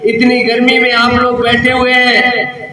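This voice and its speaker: High-pitched man booming a political rally speech. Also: completely flat delivery, measured pace. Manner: oratorical, repeats phrases, calls on the crowd to answer. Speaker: election candidate. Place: public election rally before a crowd. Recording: roomy distant PA sound with loud crowd.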